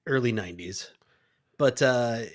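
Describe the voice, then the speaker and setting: Co-host, male, mid pitch, playful and teasing, reels off facts casually. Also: measured pace. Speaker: podcast co-host. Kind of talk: casual podcast chat.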